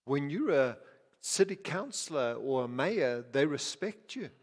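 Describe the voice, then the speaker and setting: In a reverberant church hall, a Zimbabwean pastor's mid-range voice sounds expressive and a little slow. His sermon is chatty, peppered with restarts, asides and repeated words.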